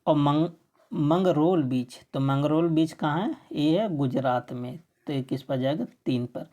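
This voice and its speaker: A woman's voice: sits low, a little slow, mellow. A woman teacher going through exam quiz answers, asking herself questions and answering them, often correcting her own slips.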